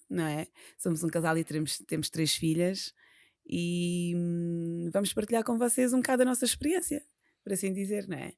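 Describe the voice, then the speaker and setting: A woman's voice: on the low side, creaky, no echo, studio quality. A woman born in Portugal with a European Portuguese accent, co-hosting a podcast with laughing, bantering replies. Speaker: podcast co-host. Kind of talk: casual chat.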